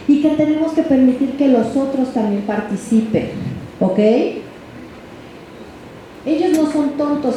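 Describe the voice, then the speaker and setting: A woman's voice: high voice, dark tone. A middle-aged woman with a Mexican accent giving a workshop lecture to parents, chatty and checking in with tag questions. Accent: Mexican Spanish. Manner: conversational, ends phrases with tag questions to the audience. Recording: echoey room with faint background noise.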